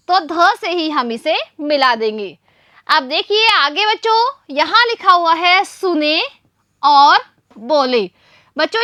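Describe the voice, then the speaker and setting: A woman's voice: extremely high pitch, pushed and bright, no echo, studio quality. A woman teacher giving a first-grade reading lesson, spelling out each word sound by sound and prompting the children to repeat after her.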